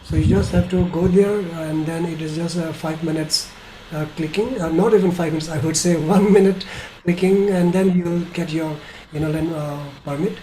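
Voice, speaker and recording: Middle-aged male presenter, Indian accent, hesitant delivery, dark soft tone, faint call noise. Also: a little high, steady tone. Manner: halting, hesitant. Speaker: tour operator presenting. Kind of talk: informal webinar presentation. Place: small bedroom indoors, video call. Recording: slightly noisy video call.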